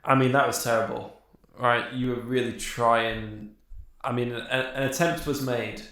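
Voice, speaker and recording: A man's voice: mid-range voice, steady tone, measured pace, a bit bright. Young guy podcasting, rambles, swears, laughs a lot, really echoey room. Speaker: podcast co-host. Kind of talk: casual chat.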